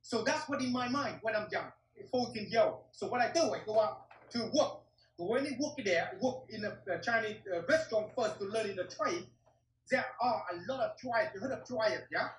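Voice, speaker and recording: A middle-aged Vietnamese martial arts teacher tells his story in an interview, speaking blunt, broken English and swearing often. His high-pitched voice is expressive and at a normal speed, with slight background noise. The recording has a roomy echo from a distant mic.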